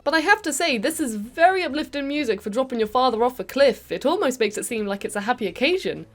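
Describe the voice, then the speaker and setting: A British woman hosts a playful, sarcastic video game review, talking straight to viewers. Her voice is high, animated, and fast, with background music running beneath it.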